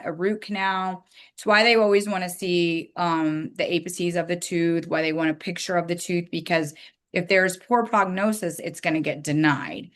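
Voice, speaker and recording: Casual woman presenting a dental webinar. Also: lowish voice. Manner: casual, chatty, apologetic asides. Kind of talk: webinar lecture with slides.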